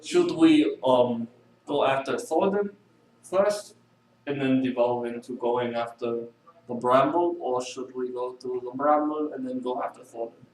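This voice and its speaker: A man's voice: medium pitch, a little slow, a little mellow, close to an everyday voice. A man voicing a formal, rambling male hill dwarf adventurer in a tabletop role-play, with a put-on, vaguely Russian-sounding accent and stiff, old-fashioned phrasing. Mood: musing. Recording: echoey room, far from the mic, faint hiss.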